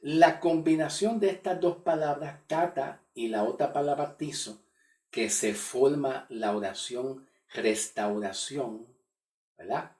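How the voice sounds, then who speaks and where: Slow-talking male Bible teacher. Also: medium pitch, darkish tone. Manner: slow, repeats key words, checks in with listeners. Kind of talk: Bible study lesson. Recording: echoey room, voice from far off the mic.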